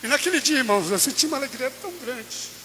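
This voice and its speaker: A man's voice: extremely high pitch, lively intonation, fast talker, a little hiss or hum. A man preaching in church, telling his own testimony with impassioned, rising delivery. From Brazil. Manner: impassioned, rising to near-shouted peaks. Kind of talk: sermon testimony.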